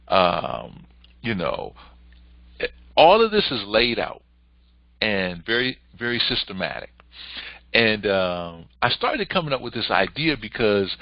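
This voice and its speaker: A man hosting a casual motivational talk, coaching would-be entrepreneurs and raising his pitch when he quotes other people. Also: no room sound, highs cut off. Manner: animated, rises in pitch when quoting others.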